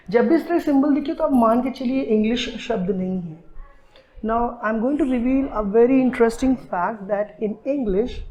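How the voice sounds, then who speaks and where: Slow-paced Indian man teaching in an echoey room. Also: sits high, darkish tone. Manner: switches between Hindi and English, slow and deliberate on English words. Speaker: English pronunciation teacher. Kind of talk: online pronunciation lesson. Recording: roomy echo.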